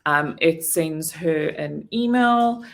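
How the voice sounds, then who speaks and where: A South African woman talks through a casual online training session with a low, gravelly voice. She fills her sentences with ums and restarts herself mid-thought, in the plain manner of a virtual assistant trainer. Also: lively intonation, slow, fairly bright tone. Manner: casual, lots of ums, self-correcting.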